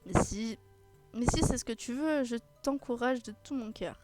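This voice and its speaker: A woman's voice: a little high, moderate pace, over loud music, lightly acted. A woman voicing a supportive young friend who speaks in a teasing way. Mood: encouraging.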